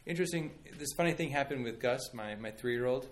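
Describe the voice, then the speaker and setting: A man's voice: mid-range voice, brisk. A man in his thirties, a pastor giving a conversational sermon and telling stories with many fillers and restarts.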